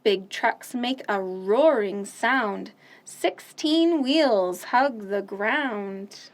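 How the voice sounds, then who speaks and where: At an extremely slow pace, a woman with a mid-range voice reads picture books to kids and sings nursery songs. Her storytime delivery is animated and sing-song, full of loud, playful sound effects.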